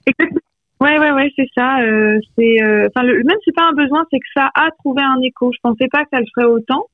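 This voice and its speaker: Over a tinny, dry landline, a woman author is interviewed by phone on the radio about her poetry. Her high-pitched voice moves fast yet sounds reflective, as she searches for words. It's close-miked with no echo.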